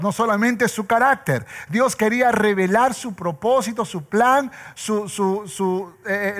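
A man's voice: high-pitched, a bit bright. A man preaching a sermon as a pastor, driving his points home through emphatic repetition. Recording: long hall reverb.

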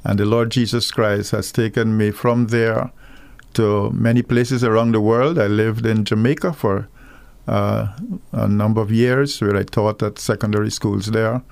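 A middle-aged man from Guyana with a Guyanese accent, speaking as a guest minister on a radio call-in program, earnest and measured. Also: lowish voice, fairly even intonation, creaky, darkish tone, clear, resonant tone, dry recording. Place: radio studio.

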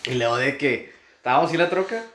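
A young Mexican man in casual chat, telling a story in animated, slang-heavy speech. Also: medium pitch, fast talker. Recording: roomy echo.

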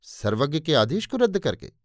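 A man voicing a composed woman attendant, firm and steady, in a storybook reading. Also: a little high, moderate pace, no room sound, clean studio sound.

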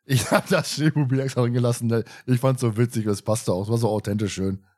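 A man's voice: medium pitch, steady tone, quick pace, a little mellow. A man co-hosting a podcast, talking casually and rambling with frequent restarts. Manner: rambling, many restarts and fillers. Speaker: podcast co-host. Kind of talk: casual chat.

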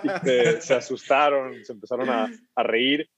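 An Ecuadorian startup founder appears as a podcast guest, chatting casually and often repeating words while he thinks. His medium-pitched voice is steady and fairly bright, moving at a normal speed in this relaxed interview conversation. The recording sounds dull, muffled, and dry.

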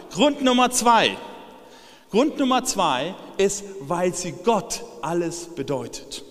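A man preaches a sermon with a high-pitched voice, shifting from hushed phrases to loud, excited calls. His voice rings with a long reverb, as if he stands in a large church hall. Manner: lively preaching, swings from soft to shouted. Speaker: pastor.

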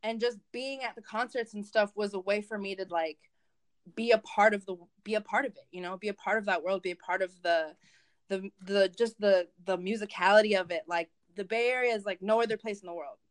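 A young woman from the United States whose first language is Spanish chats casually as a guest in an interview, where she works as an event organizer. She talks briskly at an ordinary middle pitch, rambling and circling back, with many fillers and restarts.

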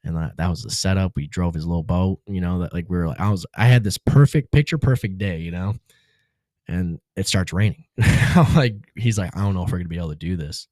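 A man's voice: deep voice, a little fast, darkish tone, no echo, studio quality. A man guest on a podcast, telling a personal story in a casual, laid-back way, full of slang like "dude" and "bro".

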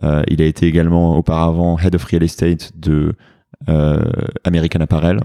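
A French man with a very deep, mellow voice explains his fitness business in an interview. He hesitates often and fills pauses with fillers. The recording is close and dry. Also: monotone, no room sound. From France. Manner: hesitant, many fillers and restarts. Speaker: fitness studio founder.

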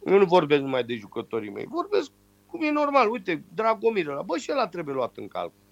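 Male phone-in pundit, heated and ranting, blocked nose from a cold, slightly high voice on a muffled line. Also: vocal fry, dry recording. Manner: animated, ranting. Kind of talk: heated sports talk.

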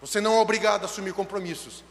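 A man with a Brazilian Portuguese accent preaching a sermon, swinging from shouted lines to hushed low ones. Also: rapid-fire, creaky. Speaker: pastor. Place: church hall. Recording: long hall reverb.

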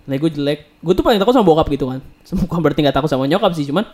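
A young man telling a story in an animated way in a casual chat with friends. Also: fairly high pitch, racing.

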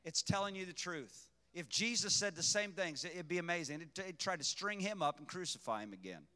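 A man preaching a sermon in a fervent, emphatic manner, with sudden loud bursts. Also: sits high, lively intonation, a little fast. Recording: long reverb, echoey hall.

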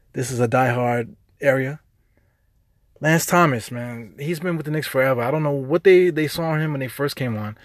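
A man's voice: mid-range voice, dry recording, studio quality. A man with a New York accent hosting a podcast, ranting off the cuff in streetwise slang, repeating himself as he gets worked up. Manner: fired-up, rambling, repeats words, streetwise slang. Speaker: podcast host. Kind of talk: unscripted sports rant.

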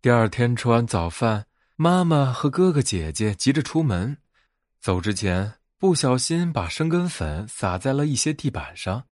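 A man narrating a soothing bedtime story in a gentle, unhurried way. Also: mid-range voice, very animated, dry recording, studio quality.

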